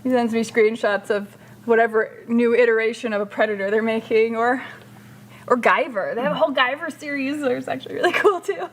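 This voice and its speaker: A woman's voice: a little high, brisk. A woman hosting a casual livestream chat, reading out and answering viewer comments. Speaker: streamer hosting a hobby chat.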